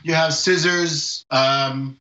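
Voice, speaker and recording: A man in his forties walks viewers through a home haircut, his voice bright and a little high, chuckling between easy instructions. He comes through a distant camera in a roomy home space, and the call audio sounds dull and lo-fi. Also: fairly even intonation, slow, slight background noise. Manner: laughs often, easygoing instructions. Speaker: barber giving a haircut lesson. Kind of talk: casual how-to demonstration over video call. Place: home room with sloped ceiling. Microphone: video call from far camera.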